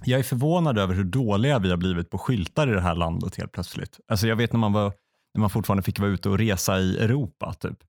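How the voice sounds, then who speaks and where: A man telling a comic story in a deadpan way, acting out other people in quick quotes. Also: lowish voice. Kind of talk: comedic storytelling chat.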